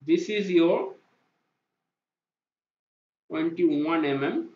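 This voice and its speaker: This slow, somewhat high-voiced man explains weld math in a whiteboard tutorial as a welding inspection instructor, repeating himself and posing and answering his own questions. His voice-over plays over screen drawing and sounds roomy, dull, and lo-fi.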